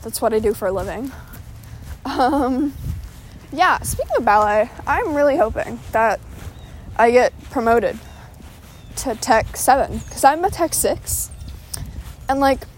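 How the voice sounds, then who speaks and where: A woman's voice: high-pitched, a little hiss or hum, rough recording. A teenage girl chatting casually while walking around her neighborhood, rambling with lots of filler words and a bit out of breath. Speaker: vlogger. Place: outdoors walking through a neighborhood.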